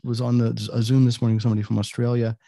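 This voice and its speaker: A man's voice: mid-range voice, level tone, rapid-fire, mellow, no room sound, clean studio sound. A man hosting an interview, rambling with frequent fillers and restarts. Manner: rambling, hesitant, many fillers. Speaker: host. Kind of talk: casual interview talk.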